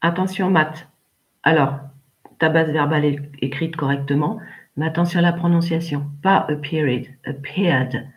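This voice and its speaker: A woman's voice: low-pitched, fairly even intonation, moderate pace, lo-fi sound. Woman teacher giving patient pronunciation feedback. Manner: patient, corrects pupils one by one by name. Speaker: English teacher. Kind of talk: online class teaching.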